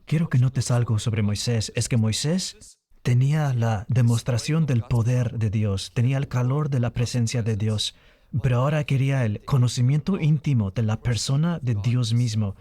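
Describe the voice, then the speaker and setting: A man's voice: medium pitch, moderate pace, warm tone. A man preaching a sermon in an earnest teaching manner, lifting his voice on key points.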